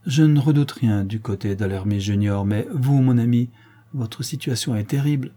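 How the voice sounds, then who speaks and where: A man reading an audiobook, voicing a tender, earnest young woman in love, softly and gravely. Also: mid-range voice, moderate pace, lightly acted.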